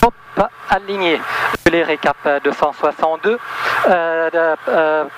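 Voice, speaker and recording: A man, a student pilot flying solo, haltingly talks himself through procedures and radio calls over a pilot headset. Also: fairly high pitch. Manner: halting, procedural, self-prompting. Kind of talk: cockpit checklists and radio calls spoken aloud. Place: inside a small aircraft cockpit. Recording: loud engine noise, aircraft cockpit headset audio.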